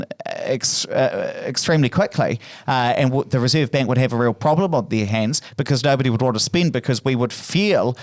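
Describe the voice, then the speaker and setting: A man hosting a casual podcast, chatty and explanatory, with a joking, self-deprecating streak. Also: medium pitch. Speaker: podcast host.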